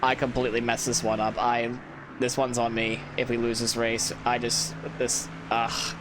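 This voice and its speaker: A man's voice: mid-range voice, little pitch movement, moderate pace. A sleepy, tired man giving casual let's-play commentary, self-critical and rambling with many restarts. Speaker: gameplay commentator. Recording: loud game engine noise behind. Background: racing game engine noise.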